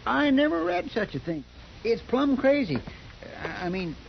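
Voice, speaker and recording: High-pitched folksy sidekick Chester. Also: male voice, very animated, moderate pace, vocal fry, heavily acted. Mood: baffled. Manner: folksy, indignant, stubborn. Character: loyal, fretful, folksy deputy sidekick of the marshal. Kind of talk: 1950s radio western acting. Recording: dull, noisy 1950s radio recording.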